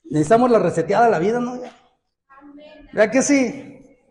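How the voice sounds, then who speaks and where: Man, Mexican Spanish accent, pastor's sermon, joking asides, long church hall reverb. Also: moderate pace. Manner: lively and joking, swings from loud exhortation to low asides.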